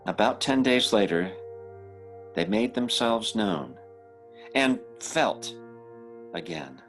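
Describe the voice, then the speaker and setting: An anxious young man in an old-time radio horror drama, telling his tale in a halting, stammering way. His pitch swings widely and the pace is unhurried. Faint music plays behind him. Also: animated. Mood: grave narration.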